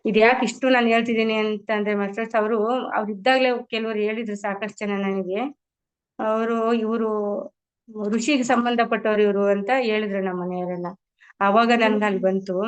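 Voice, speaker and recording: A woman's voice: medium pitch, smooth, muffled recording. A middle-aged woman earnestly sharing her personal meditation experiences as a testimony to fellow practitioners. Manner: earnest, addresses listeners as masters.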